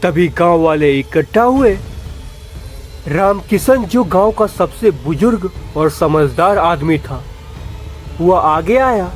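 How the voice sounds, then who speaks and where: A man with a fairly high voice tells a horror story at an unhurried, suspenseful pace. His narration is scripted and measured, with faint music playing softly underneath. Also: lively intonation. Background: faint background music.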